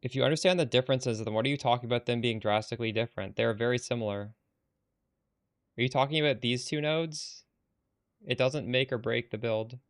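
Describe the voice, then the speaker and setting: A man's voice: mid-range voice, fairly quick. A man live-streaming a game, talking bluntly and with some exasperation as he answers chat, swearing casually.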